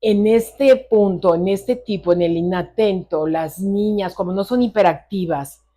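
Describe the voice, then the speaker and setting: A middle-aged Mexican woman speaks in an interview as a psychologist. Her voice is warm and mellow. She tells stories vividly, slipping into the voices of the people in them. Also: medium pitch, measured pace. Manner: lively storyteller acting out quoted dialogue. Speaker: psychologist specializing in ADHD. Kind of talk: conversational interview, storytelling.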